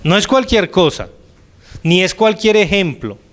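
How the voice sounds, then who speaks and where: Older male lay minister, sermon delivery, somewhat high pitch, deliberate emphasis. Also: very animated. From Colombia. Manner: deliberate, slows and drops his voice on key words.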